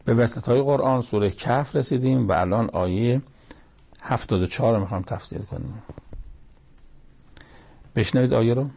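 A man leads a verse-by-verse scripture lesson, speaking in short, measured phrases. His voice is gravelly and husky with a dark, mellow tone. He retells the dialogue of the story as he explains each verse. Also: medium pitch. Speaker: Quran commentator. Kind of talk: religious lesson, verse-by-verse commentary.

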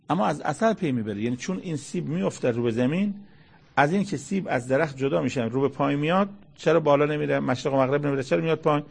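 Husky-voiced man giving a religious lecture. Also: a little high, a little mellow. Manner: colloquial explaining, quoting Arabic verses. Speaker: Quran commentator.

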